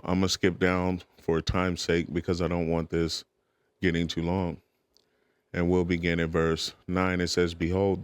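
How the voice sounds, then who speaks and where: In a dry recording, a man with a low voice reads archaic verses of scripture as he preaches. He interrupts himself with quick remarks to the listeners, each capped with "all right?".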